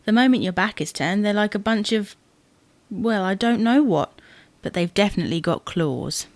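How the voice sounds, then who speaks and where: In a domestic audio sitcom, a woman plays a fussy, exasperated wife fretting over wedding clothes, bickering insistently and sounding theatrically indignant. Her natural voice is medium-pitched and expressive at a normal speed, with no room sound.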